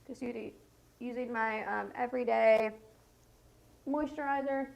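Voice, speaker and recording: Her voice is a little high and mellow, with vocal fry, a steady tone and an unhurried pace, and the audio quality is poor. She is a beauty vlogger in her thirties, stuffy-nosed and congested, chatting at home in a casual get-ready-with-me video. She rambles and uses many fillers.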